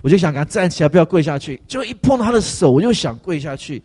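A male pastor giving a conversational testimony sermon, animated and full of fillers. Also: fairly high pitch, racing, slightly rough.

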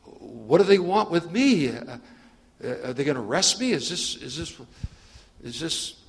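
A preacher playing an anxious, bewildered apostle who stammers and repeats himself. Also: male voice, a little high, expressive, a little slow, vocal fry. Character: anxious, bewildered male apostle, self-righteous.

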